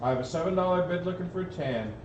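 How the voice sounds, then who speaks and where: A man's voice: sits high, animated, fast talker, a little mellow. Folksy man auctioneer in an echoey, noisy room. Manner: repetitive bid calling, folksy. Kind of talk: live auction calling with casual banter. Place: auction gallery room, livestream. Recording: roomy, distant mic, dull, noisy.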